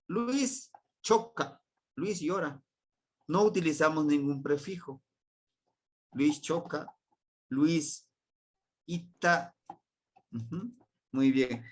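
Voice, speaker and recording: A man with a Mexican Spanish accent teaching a language class, repeating words slowly and quizzing his students. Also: fairly high pitch. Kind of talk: classroom grammar lesson.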